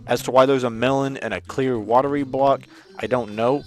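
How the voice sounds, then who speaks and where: A man giving casual, rambling gameplay commentary as a let's play host, with sudden loud outbursts and hiccups. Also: mid-range voice, fairly even intonation, moderate pace.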